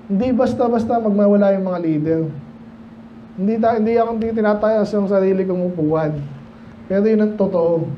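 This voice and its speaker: High-voiced pastor preaching casually. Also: male voice. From Philippines. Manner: conversational and digressive, asking the congregation questions; mixes Tagalog talk with slow King James readings. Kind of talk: midweek sermon and Bible study. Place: church. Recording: dull lo-fi church recording with faint noise.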